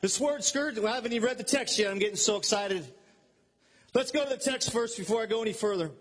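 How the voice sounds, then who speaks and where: High-voiced impassioned preacher man, echoing hall. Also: fast talker. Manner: impassioned, swings from shouting to low intensity. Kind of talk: sermon.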